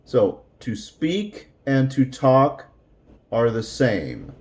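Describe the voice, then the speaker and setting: A man teaching a slow, deliberate English lesson, repeating words clearly for learners. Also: mid-range voice, wildly swooping pitch, a little mellow.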